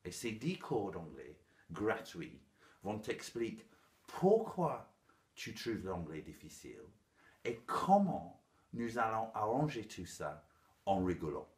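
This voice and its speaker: Man, English accent, native English speaker, animated intonation, slow deliberate pace, echoey room. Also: fairly low pitch. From England. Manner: playful, animated, self-mocking. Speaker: English teacher. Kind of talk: lively video lesson.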